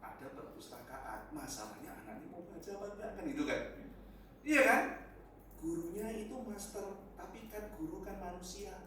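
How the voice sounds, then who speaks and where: Male pastor, casual sermon delivery, faint hiss, distant mic. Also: moderate pace. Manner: conversational, sudden loud high bursts for emphasis. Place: church hall. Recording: echoey hall, distant mic, faint noise.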